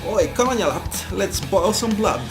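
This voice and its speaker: Guy doing a loud cockney dog guy, taunting, kinda gravelly and high. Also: animated, normal speed. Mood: rowdy. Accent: Cockney, put on. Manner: taunting, boastful. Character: sneering troublemaking male dog-creature, brash. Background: game music.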